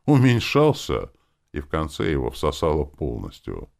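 A man's voice: a bass voice, wildly swooping pitch, normal speed, gravelly, darkish tone. A man narrating a first-person audiobook in a brash, irreverent storytelling manner.

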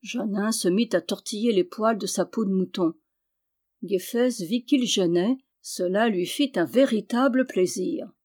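A woman reading a historical novel aloud as a volunteer audiobook narrator, with steady, expressive storytelling. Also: mid-range voice, unhurried. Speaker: audiobook reader. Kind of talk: literary narration.

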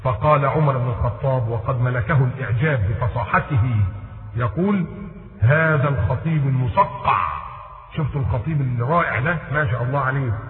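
A man's voice: medium pitch, quick pace. A man with an Egyptian Arabic accent delivering a religious lecture, telling a story and quoting classical Arabic before explaining it in colloquial speech. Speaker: preacher. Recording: echoey hall on a tinny phone-like line.

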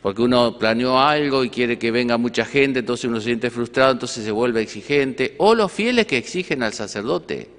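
Argentine priest giving a homily, chatty, lots of "¿no?", mid pitch, long church reverb. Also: male voice, moderate pace, few pauses, fairly bright tone. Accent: Argentine Spanish. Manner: conversational, with frequent rhetorical questions. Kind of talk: sermon.

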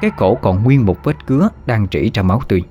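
A man reading a ghost story aloud in a steady, measured narration, over faint music. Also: lowish voice. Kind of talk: scripted horror story narration.

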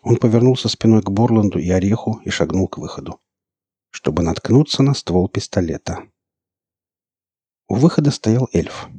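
A man reading a novel aloud in an even, measured storytelling manner. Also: fairly low pitch, slightly rough, no echo. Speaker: audiobook narrator. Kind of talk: scripted narration.

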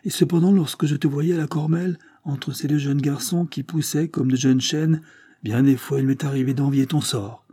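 A man plays a grave old duke, a rugged father who speaks in a solemn, measured way. His voice is dark and husky, and it is recorded dry and close. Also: a little high, fairly even intonation, dry recording, pitched above the performer's own voice.

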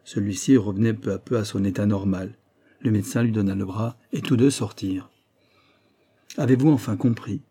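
Guy reading an old story out loud, really dark mellow husky voice, steady and dramatic. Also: fairly low pitch, a little fast. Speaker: audiobook reader. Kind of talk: scripted narration of a classic story.

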